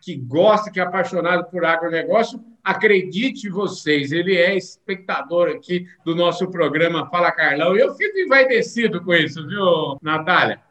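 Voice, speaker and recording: A man's voice: high-pitched, lively intonation, moderate pace, few pauses, sharp tone, dull audio. A man hosting a podcast interview, enthusiastic and effusive, with sing-song emphasis on his words. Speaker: podcast host.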